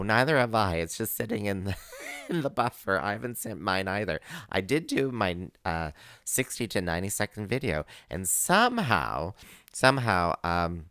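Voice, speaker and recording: A man hosting a live community radio show, his voice low and clear with a lot of up-and-down movement. He talks casually and rambles through fillers, laughing easily. The sound is dry and close on a studio mic. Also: a bit bright, no echo.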